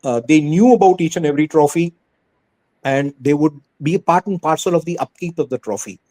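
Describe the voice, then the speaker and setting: A man with an Indian accent speaks in a mellow, somewhat high voice. He answers as a school head in an interview, earnest and conversational, restating phrases to press his point. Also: a little fast.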